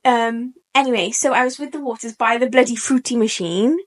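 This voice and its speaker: An eighteen-year-old woman, telling a story on a podcast in an animated way, laughing often and acting out what people said. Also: a little high, fairly quick. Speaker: podcast co-host. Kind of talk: casual storytelling chat.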